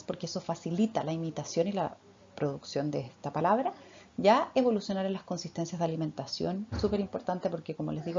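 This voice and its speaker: A woman's voice: lowish voice, vocal fry, warm tone. A woman speech therapist, giving parenting advice and often checking in with short tag questions. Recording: slightly muffled with faint background noise.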